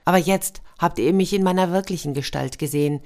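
A kind young crane-maiden from a storybook, soft-spoken and earnest, as a woman reads her part. Her voice sits low and calm. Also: a little fast, close to an everyday voice. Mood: sorrowful.

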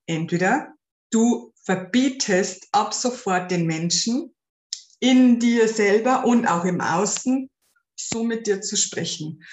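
A woman hosting an advice podcast as a spiritual life coach, talking earnestly and directly to the listener. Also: medium pitch. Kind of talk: casual spoken advice podcast. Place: room at home with a window. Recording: roomy echo.

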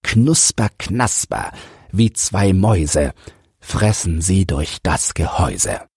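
A man reading rhyming verse aloud for an audiobook podcast, in a measured, rhythmic way. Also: low-pitched, big pitch swings, vocal fry, darkish tone, breathy edge, no echo, studio quality.

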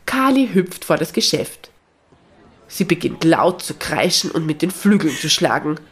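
A narrator reading a children's Christmas story aloud in a calm, even storytelling manner. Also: medium pitch, background noise.

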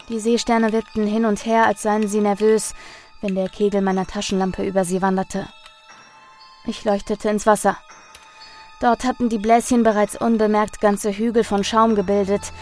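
A woman podcast host narrates a listener's horror story in a measured, dramatic voice. Her pitch sits mid-range for a woman, and faint music plays underneath. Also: level tone, darkish tone. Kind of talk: scripted narration.

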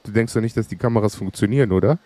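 A man of Greek background, co-hosting a podcast, telling a lively story in casual chat and acting out the other people's lines. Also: on the low side, racing, no room sound. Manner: animated anecdote, acts out dialogue. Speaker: podcast co-host.

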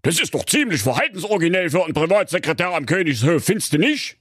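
A man's voice: fairly high pitch, big pitch swings, fast talker, a bit bright, slightly rough, no room sound, voice pushed up, exaggerated voice. A fussy, gossipy old king, played by a male reader in a comic storybook, chattering his complaints in a voice lifted well above a normal speaking voice, with a strained, odd timbre. The delivery is close and dry. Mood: complaining.

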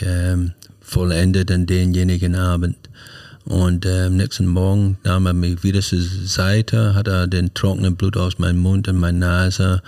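Low flat-voiced older man. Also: no echo, clean studio sound. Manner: halting, many fillers and restarts. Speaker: podcast guest. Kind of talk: personal storytelling.

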